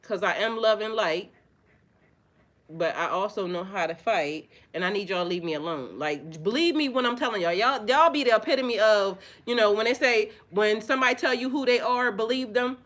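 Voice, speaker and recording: With a mid-range voice at a moderate pace, a woman with kids hosts a spiritual reading channel and speaks straight to the camera's audience. She's blunt, foul-mouthed and talkative, delivering everything loudly and animatedly with lots of laughter.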